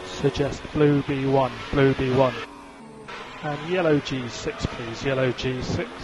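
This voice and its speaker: Through a very noisy team radio, with engines and vehicle noise behind him, a race engineer with a mid-range voice gives brisk, businesslike instructions and repeats the important calls. He's unhurried, with fairly even intonation.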